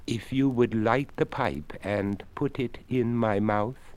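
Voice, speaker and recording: A man's voice: mid-range voice, darkish tone, voice pushed up, lightly acted. A man voicing a courtly old skeleton. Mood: courteous. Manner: formal, courteous, slow.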